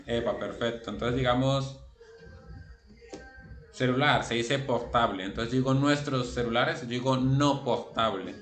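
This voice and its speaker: A man's voice: mid-range voice, fairly even intonation, unhurried, a bit bright, reverberant. A man teaching a language class online, explaining rules step by step and calling on students by name.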